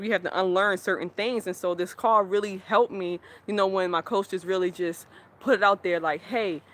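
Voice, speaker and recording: A woman's voice: lowish voice, a bit bright, a little hiss or hum. A young woman, talking candidly in a personal vlog, rambling and laughing often. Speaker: vlogger.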